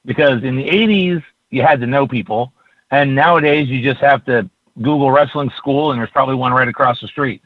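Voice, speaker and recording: Radio host, dry and phone-thin. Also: male voice, medium pitch, brisk, dry recording, narrow, tinny audio. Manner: conversational, leading questions. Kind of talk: radio interview questions.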